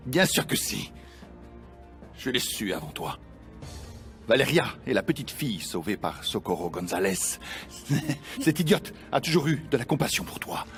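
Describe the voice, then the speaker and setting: An actor in a French-dubbed telenovela playing a sadistic, threatening villain who holds women hostage and taunts them. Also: male voice, mid-range voice, big pitch swings, normal speed, long pauses, lightly acted. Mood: sadistic, taunting. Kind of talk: dubbed telenovela melodrama acting. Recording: dramatic music behind.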